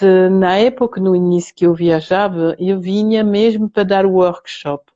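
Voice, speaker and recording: An older woman from France, a guest on a live video interview, recalling her story slowly and with hesitations. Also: fairly low pitch, dark tone, lo-fi sound. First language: French. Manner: slow, hesitant and reflective. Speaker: guest therapist.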